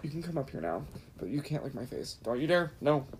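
A woman's voice: very deep voice, sing-song, fairly quick, darkish tone, slight background noise. A woman in her twenties co-hosting a podcast, chatting candidly and joking around. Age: 20s. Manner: candid, joking, swears freely. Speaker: podcast co-host. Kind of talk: casual chat.

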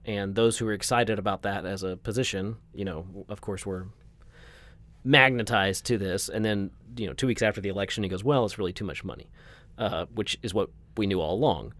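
A man's voice: on the low side, a little fast, fairly bright tone, no echo. A man hosting a casual conversation in a wry, winding way, with plenty of fillers.

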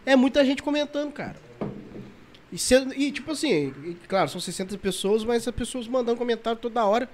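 A man hosting a podcast in casual chat, laid-back and lively, often acting out a fast stream of comments. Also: very high voice, slight background noise. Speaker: podcast host.

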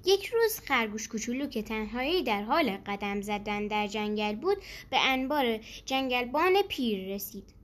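A woman narrating a children's story in a gentle, expressive way. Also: fairly high pitch.

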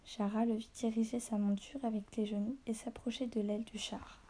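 A woman reading a novel aloud in a soft, half-whispered voice, stopping now and then to correct small slips. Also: medium pitch, slight background noise.

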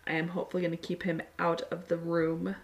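A woman's voice: lowish voice, completely flat delivery, fast talker. A woman co-hosting a podcast, talking in a casual, conversational way. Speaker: podcast co-host.

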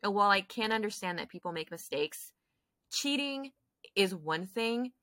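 A woman co-hosting a podcast in casual chat, expressive and opinionated, often correcting herself as she goes. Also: medium pitch, normal speed, dry recording. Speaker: podcast co-host.

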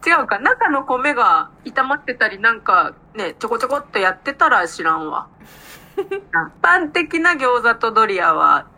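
A woman's voice: fairly high pitch, sing-song, normal speed, sharp tone, low-quality recording. A woman from Aichi with a Nagoya accent, co-hosting a podcast in casual, playful chat with frequent laughter. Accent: Nagoya dialect. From Aichi, Japan. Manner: laughs often, playful teasing. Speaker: podcast co-host.

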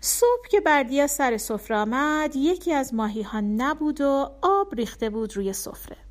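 A woman narrating a story aloud in an audiobook, in a calm and even way. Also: high-pitched.

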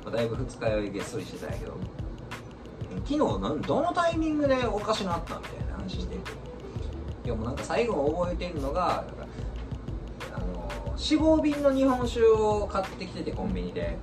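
A man's voice: high voice, wildly swooping pitch, quick pace, far from the mic. A man with a Kansai accent chatting casually and telling comic anecdotes as a co-host, often laughing as he talks. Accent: Kansai Japanese. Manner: laughs often while talking. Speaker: co-host of a chat show. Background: music.

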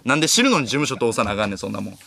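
A man in his twenties with a Kansai accent, hosting a late-night radio show alone, reading listener mail rapid-fire and snapping back sharp comic retorts. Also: on the low side, sing-song, gravelly, dry recording. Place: radio studio. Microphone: studio microphone.

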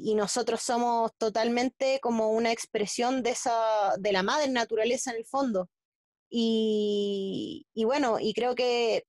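A Chilean woman speaking as an interview guest, in a halting way with many restarts and fillers. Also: a little high, darkish tone, no room sound. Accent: Chilean Spanish. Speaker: guest athlete. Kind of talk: casual interview talk.

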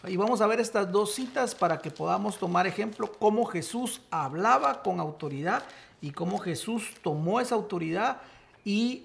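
A man's voice: high-pitched, vocal fry. A man preaching and teaching from the Bible, emphatic, rising to exclamations. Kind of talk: sermon-style Bible teaching.

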